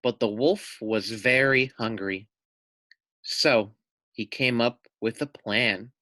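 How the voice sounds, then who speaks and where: A man reads a children's story aloud expressively, like a teacher, breaking off to ask his listeners questions and make asides. His mid-range voice is bright and forceful, and the recording is dry.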